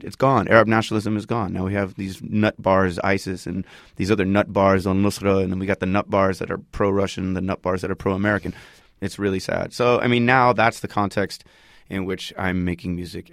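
Musician guest, man, 30s, Northern Californian accent, deep, relaxed and slangy, dry close mic. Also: fairly quick, dry recording. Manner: laid-back, loose slangy talk full of likes and you-knows. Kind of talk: casual interview chat.

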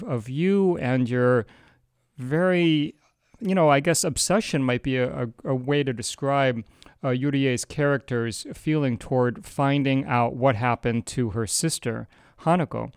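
A male host reads out background facts and then asks questions, measured and informative with the odd filler. His voice is smooth and resonant at an ordinary pitch. The recording is close and dry. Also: no room sound. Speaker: interviewer, host. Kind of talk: interview questions with scripted background.

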